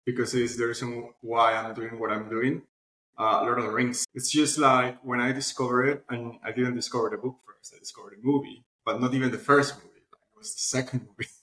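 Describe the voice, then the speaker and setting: A platform founder, appearing as an interview guest, tells his story casually in loose, conversational phrasing. His mid-range voice is brisk and level, sounding pushed and bright. The pickup is roomy and echoing.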